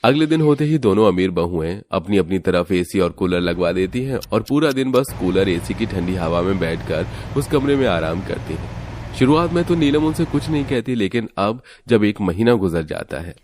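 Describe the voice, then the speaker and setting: Guy narrating a cartoon story, lowish voice, steady read, a bit of hiss behind. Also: normal speed. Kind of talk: scripted narration.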